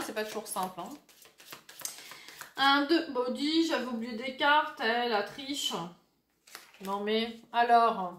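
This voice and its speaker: A woman's voice: a little high, a bit bright. A woman giving a casual tarot reading for her viewers, chatty and hesitant, with many fillers and asides. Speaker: tarot card reader. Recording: roomy echo.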